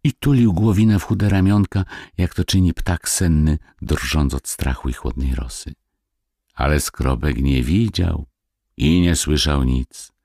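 A man reading a classic fairy tale aloud, expressive and shifting between hushed and lively tones. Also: very deep voice, measured pace, vocal fry, dry recording, studio quality. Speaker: storyteller.

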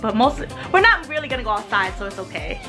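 A woman's voice: fairly high pitch, big pitch swings, fast talker. A young woman from Minnesota chatting casually to a handheld camera at a convention, upbeat and rambling. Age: young adult. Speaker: vlogger. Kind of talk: casual vlog chat to camera. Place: busy convention center halls. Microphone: handheld camera at arm's length. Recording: loud crowd and music behind. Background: crowd chatter and music.

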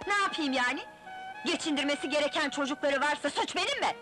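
A woman voicing a cruel cockroach stepmother who shouts and bullies. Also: quick pace, over music, natural voice. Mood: scornful. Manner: shrill, shouting, bullying.

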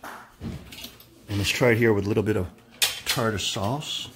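Whooping excited man, noisy outdoors. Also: lowish voice, measured pace. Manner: exuberant, keeps whooping and exclaiming. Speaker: vlog host narrating cooking. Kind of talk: excited outdoor cooking commentary. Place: outdoors by a frying pot.

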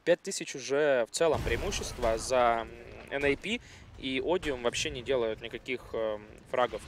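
A man's voice: medium pitch, moderate pace. A man giving live analytical game commentary, explaining plays in a slightly hesitant way. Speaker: esports commentator.

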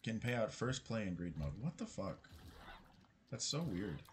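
A man's voice: on the low side, big pitch swings, measured pace, a little hiss or hum. A man streaming gameplay live, chatting casually with his viewers, musing aloud and swearing now and then. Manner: chatty, swears, talks to chat.

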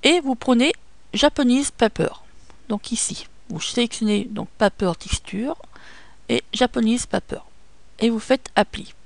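Woman, French accent, patient software tutorial, gravelly, dry close sound. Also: fairly high pitch, measured pace, dry recording. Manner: patient, hesitant, many fillers. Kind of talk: screen-recorded photo editing tutorial.

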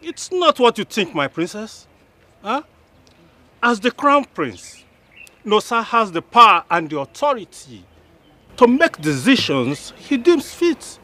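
An actor playing an evasive palace elder placating a princess. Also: male voice, sits high, big pitch swings, unhurried, sharp tone, heavily acted.

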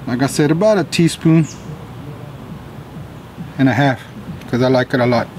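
Out by the backyard grill, a middle-aged cooking show host chats his way through a casual demonstration in a jolly, folksy style. He speaks in a mid-range voice at a moderate pace against background noise.

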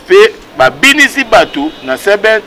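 A man's voice: high-pitched, moderate pace, vocal fry, slight background noise. A man in his thirties with a Congolese accent, talking animatedly as an interview guest, outdoors by a wall. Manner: animated, gestures with hands, mixes Lingala and French. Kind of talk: casual interview.

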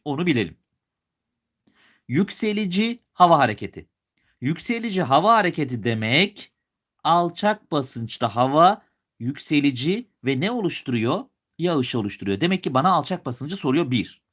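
Turkish male teacher quizzing himself aloud. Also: medium pitch. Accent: Turkish, with a regional lilt he puts on at times. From Turkey. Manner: talks students through questions, asking and answering himself. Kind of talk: live online exam review lesson.

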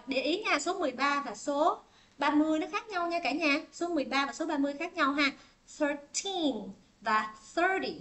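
A woman with a high, bright voice teaches a pronunciation lesson on a livestream. She chats with her viewers and drills each word by repeating it slowly, with frequent laughs in between. The sound comes from a tablet microphone indoors. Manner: chatty, drills words by slow repetition. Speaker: English teacher.

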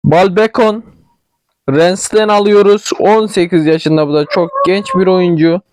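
A man's voice: high-pitched, unhurried, a little mellow, dry recording. A young man with a regional Turkish dialect, chatting casually over a football management game, thinking aloud and stumbling over words. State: tickly throat, clearing it. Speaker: gaming channel host.

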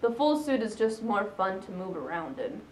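A woman's voice: mid-range voice, sing-song, moderate pace, echoey room, a little hiss or hum, poor audio. A young adult woman answering interview questions casually, hesitant, with many "um"s and "like"s. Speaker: interviewee, fursuiter.

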